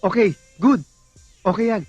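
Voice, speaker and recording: A man's voice: sits high, a little slow, a little mellow, breathy edge, no echo, soft background music. An actor playing an easygoing young male student who chats casually with his schoolmates in a film. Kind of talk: film drama acting.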